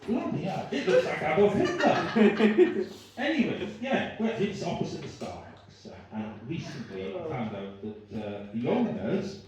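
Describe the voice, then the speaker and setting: Male comedian, Swansea Welsh accent. Rambling, sweary, self-deprecating crowd banter, animated pitch, very echoey live room. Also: moderate pace. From Swansea, Wales. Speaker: stand-up comedian. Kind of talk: stand-up comedy with audience banter. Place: live comedy venue with small audience. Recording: very echoey room, distant mic.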